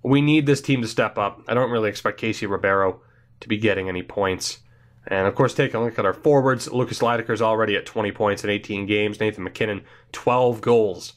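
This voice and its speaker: A young man hosts a gaming video, offering excitable, rambling let's-play commentary on a hockey game and thinking aloud as he goes. He's congested from a cold, and his voice sits lowish, moving a little fast.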